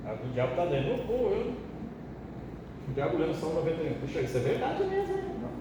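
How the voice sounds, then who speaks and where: A man's voice: a little high, wildly swooping pitch, quick pace. A pastor from Brazil teaching a Bible study in a colloquial, joking way and asking his listeners questions. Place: church hall. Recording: echoey hall, distant mic, background noise.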